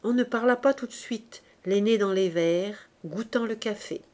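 A woman reading a novel aloud in a measured, even narration. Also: medium pitch. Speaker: audiobook reader.

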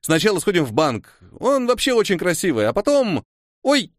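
A man voicing an excitable, clumsy rich boy who talks eagerly in a raised voice. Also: normal speed, no room sound, clean studio sound. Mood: excited. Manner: eager, exclaiming, high-pitched. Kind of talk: audiobook character voice.

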